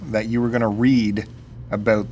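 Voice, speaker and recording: A low-voiced man chats casually as a podcast co-host. His delivery is teasing and needling, like banter between friends, and a laptop fan hums behind him. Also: little pitch movement, normal speed, slight background noise. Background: loud computer fan.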